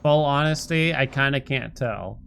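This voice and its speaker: A man with a medium-pitched, creaky voice and moderate pace livestreams a game, chatting casually with viewers in a rambling, playful way and breaking into nonsense sounds. Loud video game music plays behind him, with a little hiss or hum.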